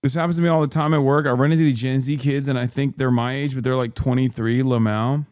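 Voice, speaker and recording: A man's voice: mid-range voice, fairly even intonation, quick pace, a little mellow, smooth, no room sound. A man in his thirties hosting a stream, giving rambling, emphatic, profane reaction commentary into a close mic. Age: 30s. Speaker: streamer host.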